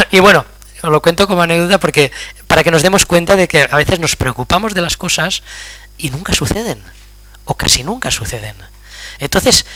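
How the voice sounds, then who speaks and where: A man's voice: a little high, pushed and bright, no room sound. A middle-aged man giving a public lecture, telling personal anecdotes in a conversational way and often checking in with the audience. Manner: conversational storytelling, frequent "¿vale?" check-ins.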